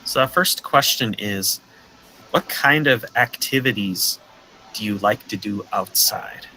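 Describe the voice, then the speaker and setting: A man from the teaching a beginner English class over a video call, patient and clear, with a friendly welcoming manner. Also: fairly low pitch, unhurried, sharp tone, slight background noise, poor audio. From United States, Minnesota. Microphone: video call headset or webcam mic.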